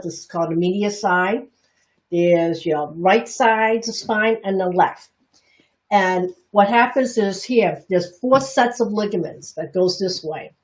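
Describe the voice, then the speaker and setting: A middle-aged woman with a Chinese Bostonian accent teaches reflexology on a livestream. Her mid-range voice has a darkish tone, and she's chatty and candid, breaking off sentences and starting them over.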